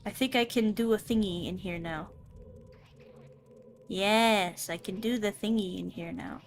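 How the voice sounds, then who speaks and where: A woman with a mid-range voice and measured pace gives casual commentary while streaming a video game as a VTuber, giggling and teasing herself. Game music plays faintly behind.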